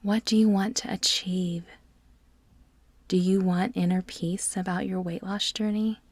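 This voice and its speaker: A woman gives a guided meditation in a gentle, breathy, near-whispered voice of medium pitch with fairly even intonation. Her soothing, measured phrasing includes deliberate pauses, and the recording is dry.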